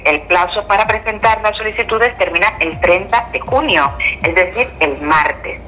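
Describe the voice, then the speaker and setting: An older woman speaks over a phone line with faint noise, her voice bright, forceful and a little hoarse. She explains informally, like a lawyer advising clients, reassuring and often checking that she is followed. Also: fairly low pitch. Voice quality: slightly hoarse, rough voice. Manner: reassuring, checks in with tag questions. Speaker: immigration lawyer, radio guest. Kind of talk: informal explanatory interview talk. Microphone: telephone.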